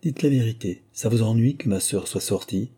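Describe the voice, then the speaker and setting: A man's voice: on the low side, moderate pace, dark tone, husky. A man voicing a self-assured young woman who teases in a playful, mock-stern way, reading from a storybook. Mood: teasing.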